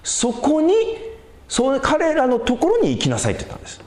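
A man preaching a sermon as a pastor, in an animated, conversational way with big swings in pitch. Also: fairly quick, roomy sound.

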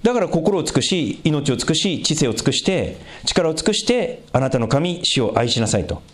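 A male pastor preaching in an easy, conversational way. His pitch rises and falls sharply as he stresses points. He turns to the congregation with questions between points. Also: moderate pace. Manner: lively pitch swings for emphasis. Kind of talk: sermon.

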